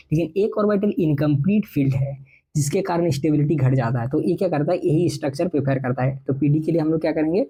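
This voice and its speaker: A young man teaching chemistry for entrance exams, reading textbook lines slowly and then explaining them quickly in a mix of Hindi and English. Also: a little high, dark tone, husky, low-quality recording. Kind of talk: exam-prep lecture.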